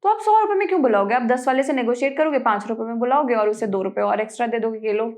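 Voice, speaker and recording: A woman's voice: a little high, very fast, a little mellow. A woman poet, a guest in an interview conversation, explaining her views in a firm, advising tone.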